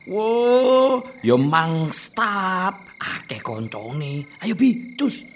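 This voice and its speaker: A nosy young dude, super lively pitch, drawls slow, faint music under. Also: male voice, slight background noise, heavily acted. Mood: eager. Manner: animated, teasing, swinging loud to soft. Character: bold, nosy young man seeking thrills. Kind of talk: radio drama acting.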